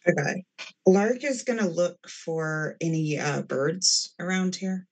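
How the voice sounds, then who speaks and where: A woman's voice: lowish voice, slow, husky, rough recording. A woman playing a tabletop game, casually describing what her character does. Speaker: player. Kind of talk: tabletop role-play.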